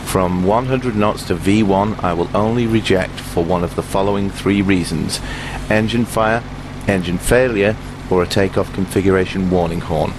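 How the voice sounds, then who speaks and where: Low-voiced man talking as a pilot from the cockpit on a headset. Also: noisy background. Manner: measured, procedural pilot delivery. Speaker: airline captain in a flight simulator roleplay. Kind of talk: cockpit announcements and takeoff briefing.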